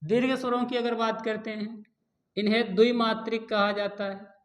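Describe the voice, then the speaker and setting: A man teaching a grammar lesson to exam students, repeating key terms slowly and asking and answering his own questions. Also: high voice, level tone, a bit bright. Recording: echoey room.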